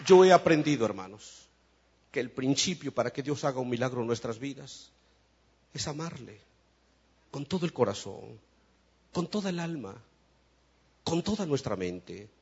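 A man preaching a sermon testimony, swinging between loud emphatic peaks and soft, low asides. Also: animated, moderate pace, long pauses, slightly rough, some chatter behind. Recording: muffled lo-fi sermon recording.

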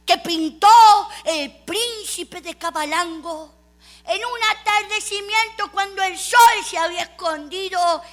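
A woman voicing a pompous male auctioneer who speaks slowly and grandly. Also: very high-pitched, a bit bright, voice pushed up. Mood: grandiose. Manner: slow and grandiose.

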